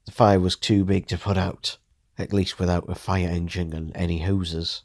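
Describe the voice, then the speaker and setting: A man tells a first-person audio drama in a low, gravelly voice. His read is steady and measured, and the sound is dry and close. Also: no echo. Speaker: narrator.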